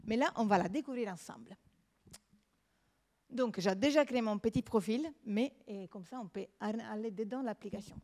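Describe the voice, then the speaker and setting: A woman's voice: mid-range voice, normal speed, darkish tone. A young woman from Italy, speaking French with an Italian accent, giving a playful, chatty demo of an app to a live audience and talking straight to them. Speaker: student presenter. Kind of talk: live product demo pitch. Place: event stage before an audience.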